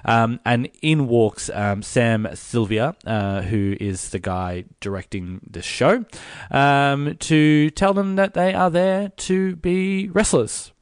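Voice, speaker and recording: A male co-host in easygoing podcast chat, retelling scenes with a loose, swearing energy and lots of quoted asides. His voice sits mid-pitch with a close, dry sound. He keeps the story rolling with fillers and quick laughs. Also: smooth, dry recording. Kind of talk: casual review podcast chat.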